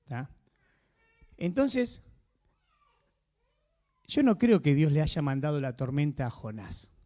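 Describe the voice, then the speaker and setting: A man with a Rioplatense accent preaching a sermon in a conversational way, often checking in with his listeners. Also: slow pace. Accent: Rioplatense Spanish. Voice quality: animated, swinging pitch. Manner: conversational, asks the audience frequent tag questions.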